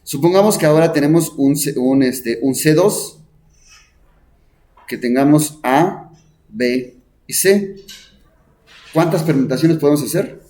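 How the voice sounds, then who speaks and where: A man lecturing a class on math, thinking aloud at the board, often asking the students and pausing on "este". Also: fairly high pitch, mellow. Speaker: math teacher.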